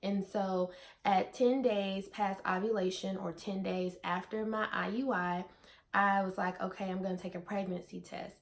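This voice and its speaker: A woman's voice: mid-range voice, level tone, normal speed. Chatty young woman vlogger. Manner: chatty, many "like" fillers, addresses viewers as you guys. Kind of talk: casual storytelling to camera.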